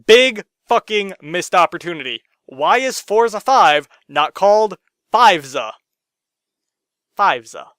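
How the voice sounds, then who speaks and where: A young man ranting to camera in his room, sarcastic and profane, jumping from loud outbursts to muttered asides. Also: sits high, sing-song, a little slow, dry recording, clean studio sound. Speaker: gaming vlogger.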